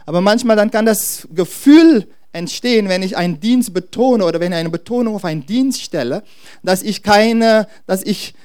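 A man's voice: high voice, darkish tone, clean tone, no room sound, clean studio sound. A man preaching a sermon to his congregation, often stopping to search for words and starting his sentences over. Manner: searches for words, halting restarts; speaks to the congregation directly. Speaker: pastor.

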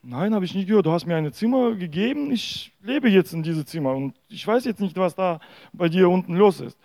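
A man voicing a calm, patient savior figure who gently explains himself. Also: sits high, fairly quick, creaky, no room sound.

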